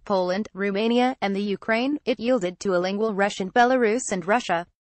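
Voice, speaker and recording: Female narrator, mid-pitched, reading a column evenly; dry, close recording. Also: no room sound. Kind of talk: scripted narration.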